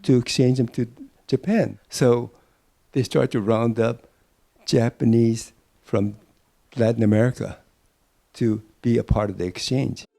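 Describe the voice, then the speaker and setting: An older man from Peru, explaining history thoughtfully in an oral history interview, pausing often with fillers. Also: mid-range voice, fairly even intonation, gravelly, warm tone.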